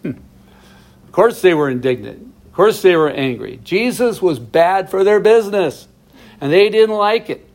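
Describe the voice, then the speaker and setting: A man's voice: high voice, expressive, normal speed, a little mellow. A middle-aged man teaching a verse-by-verse Bible study, explaining each passage plainly with asides to his viewers.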